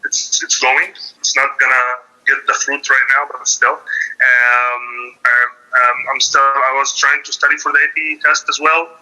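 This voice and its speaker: A man's voice: mid-range voice, level tone, measured pace, pushed and bright, low-quality recording. A young man from Qatar, a laid-off engineer, talking hesitantly with many fillers and restarts over a call. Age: young adult. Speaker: laid-off engineer seeking career advice.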